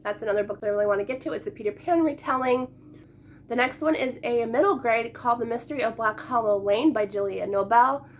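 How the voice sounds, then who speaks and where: A young woman in her late twenties talks casually to her viewers about books, her voice a touch hoarse from being sick. She speaks in a fairly high register, chatty and upbeat, with frequent little laughs. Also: fast talker, a little hiss or hum. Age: late 20s. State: sick, voice going. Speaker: book vlogger. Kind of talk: casual chat to camera.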